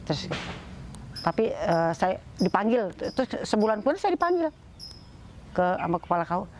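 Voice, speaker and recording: A woman's voice: medium pitch, sing-song, moderate pace, darkish tone. Middle-aged woman, casual storytelling, chatty with restarts, acts out dialogue, faint noise and birds behind. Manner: chatty, many fillers and restarts, re-enacts dialogue. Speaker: interviewee telling her conversion story.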